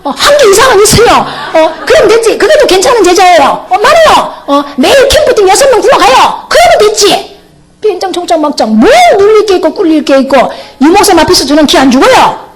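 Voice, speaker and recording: A middle-aged pastor's wife giving a lively testimony sermon, laughing often and mimicking other people's voices. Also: female voice, extremely high pitch, fairly quick, background noise.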